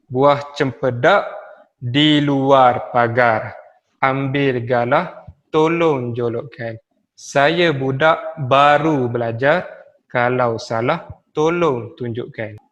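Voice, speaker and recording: A man with a Malaysian Malay accent teaching a lesson on poetry, spelling out rhymes slowly and reciting verses. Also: fairly high pitch, a bit bright, big-room sound. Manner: slow, spells out letters and rhymes, recites verse with rising and falling intonation. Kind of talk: recorded classroom lesson on poetry.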